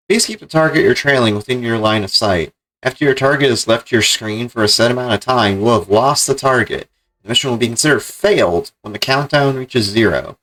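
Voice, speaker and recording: A man's voice: medium pitch, a bit bright, low-quality recording. A man streaming a game, mixing casual commentary with reading the on-screen text aloud.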